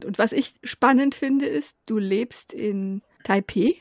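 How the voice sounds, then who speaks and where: A woman's voice: on the high side, slow. A woman hosting a podcast, asking questions in a casual interview style.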